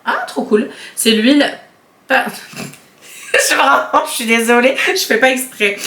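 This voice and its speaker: A woman beauty vlogger chatting casually through an unboxing, giggly and quick to laugh at herself. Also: lowish voice, reverberant, a little hiss or hum. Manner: chatty, giggly, self-mocking.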